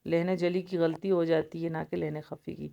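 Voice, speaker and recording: A woman's voice: low voice, flat delivery, creaky, dark tone, dull audio. A woman teaching Quran recitation rules, patiently explaining each letter and stretching out recited sounds. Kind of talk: tajweed lesson, explaining and reciting.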